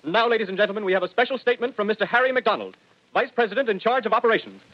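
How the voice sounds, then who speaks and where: A radio news announcer in the old newsreel manner, urgent and clipped. The voice is high and quick, formal in every phrase. It comes through a dull, dry 1930s broadcast recording. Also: male voice, big pitch swings, dry recording. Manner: clipped formal bulletin delivery.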